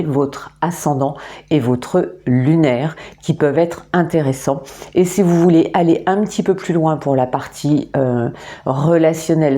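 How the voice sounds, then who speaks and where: A woman with a low-sitting voice, a tarot and oracle card reader, gives a monthly astrology card reading indoors under artificial light. She speaks gently and hesitantly, repeating words and using many fillers.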